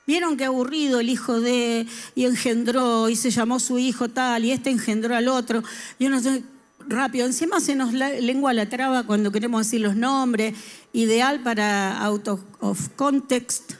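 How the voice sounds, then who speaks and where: A middle-aged woman preaches a sermon in a lively way. Her voice sits a little high for a woman, and she keeps turning to the congregation with questions. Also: moderate pace. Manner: lively, talks with the congregation and asks them questions. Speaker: church speaker.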